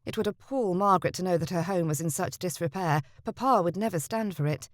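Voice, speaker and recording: A woman's voice: on the low side, fairly quick, dry recording. Woman narrating a novel, dry close sound. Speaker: audiobook narrator. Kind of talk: scripted narration.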